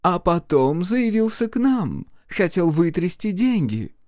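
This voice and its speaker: A man voicing a jealous young fiancée in a read-aloud story. She squeals her accusations in a piercing high voice that swings wildly up and down. The sound is dry and close. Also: sing-song, measured pace, darkish tone, no echo. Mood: scornful.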